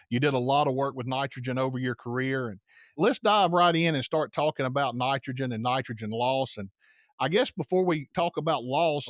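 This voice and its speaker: A man's voice: medium pitch, dry recording, studio quality. A man hosting a farming podcast in an upbeat, folksy way. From southeastern United States. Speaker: podcast host. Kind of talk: scripted intro then casual interview.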